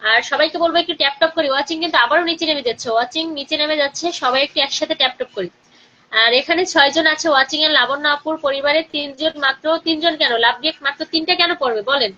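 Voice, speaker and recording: A woman with a Bangladeshi Bengali accent hosting a live stream, chatting with viewers and urging them to share and comment, sometimes talking softly. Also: high-pitched, highs cut off. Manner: speaking slowly and softly during the call to prayer.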